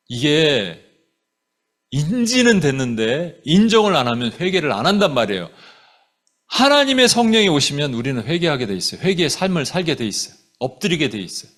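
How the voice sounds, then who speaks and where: A man preaching a sermon as a pastor, animated, dropping English phrases into his talk. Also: on the high side. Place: church sanctuary.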